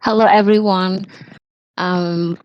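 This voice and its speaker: A young woman from Myanmar speaks slowly and hesitantly, stopping often to correct herself. The sound is dry and close. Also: mid-range voice, steady tone, no room sound, dull audio. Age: young adult.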